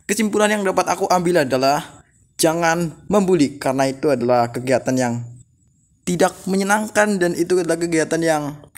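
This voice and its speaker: A video creator hosts a casual vlog, reading stories aloud and then putting them in his own words with informal reactions and commentary. His voice is a little high and slightly mellow.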